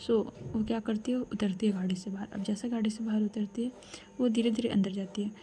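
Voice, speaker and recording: Breathy half-whispering woman storyteller. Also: mid-range voice, fairly even intonation, a little fast, a little hiss or hum. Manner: soft, breathy, half-whispered narration with casual asides. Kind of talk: hushed serialized story narration.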